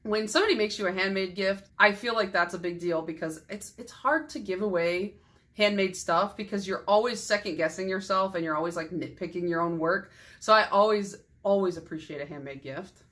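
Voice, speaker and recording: A woman's voice: mid-range voice, fairly bright tone. A young adult woman chatting casually in a haul vlog, tired and losing her voice, chatty and self-deprecating with frequent laughs. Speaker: nail polish YouTuber.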